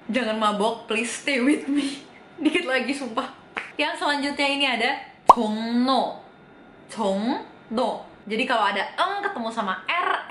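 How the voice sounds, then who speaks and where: A woman giving a casual video lesson on reading Korean, asking the viewer questions and repeating each word slowly. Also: fairly high pitch, pushed and bright, roomy sound, slight background noise. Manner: chatty, asks the viewer questions and answers them. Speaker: Korean language teacher.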